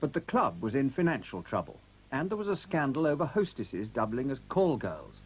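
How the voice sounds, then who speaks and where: A man narrating a documentary in a measured, scripted way. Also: medium pitch, a little hiss or hum, poor audio. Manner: measured, expressive delivery.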